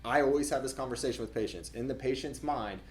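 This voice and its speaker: A man's voice: medium pitch, fast. A young adult man, a dentist, explaining things casually to camera in a conversational way, often repeating words as he goes.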